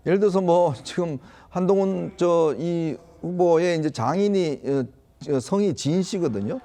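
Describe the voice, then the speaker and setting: Male pundit, slightly high, mellow tone, measured explanatory delivery. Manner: explanatory, measured, with small laughs. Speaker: political commentator. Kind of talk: talk show analysis.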